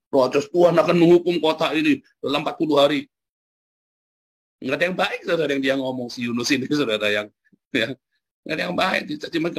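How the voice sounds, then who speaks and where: A male pastor delivers a relaxed, talkative sermon and keeps turning to his listeners. His voice is husky and sits at an ordinary middle pitch. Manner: chatty, keeps addressing listeners, chuckles often. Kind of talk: conversational sermon.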